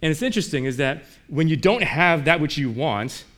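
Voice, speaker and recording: A man preaching a sermon in a conversational way, moving between emphatic lines and quiet ones, often asking his listeners rhetorical questions. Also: fairly high pitch, expressive, brisk. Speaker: pastor.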